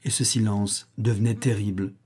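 A man reading a classic French short story aloud in measured, phrase-by-phrase literary narration. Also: lowish voice, level tone, mellow, slightly rough. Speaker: audiobook reader. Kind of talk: scripted narration.

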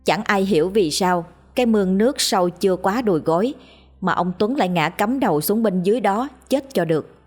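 A woman storyteller reading a ghost story in a steady, measured way. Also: medium pitch, faint music behind.

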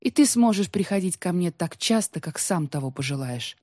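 A woman's voice: on the low side, lively intonation, moderate pace, darkish tone, no room sound, clean studio sound. A woman voicing a proud, bitter young tsaritsa who speaks coldly and insistently in a storybook reading. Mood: pleading. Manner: cold, prickly, insistent.

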